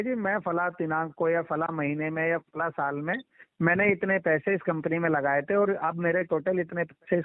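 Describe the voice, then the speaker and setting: A man whose voice runs on the high side talks over others on a telephone line, insistently going through a procedure and restating his instructions. The call sounds muffled and band-limited, with no echo.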